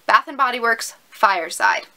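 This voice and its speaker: A woman's voice: on the high side, animated, normal speed, pushed and bright, rough recording. A woman of twenty-one, chatty and upbeat, answering viewer questions in a casual vlog filmed at home on a camera mic. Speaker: YouTuber.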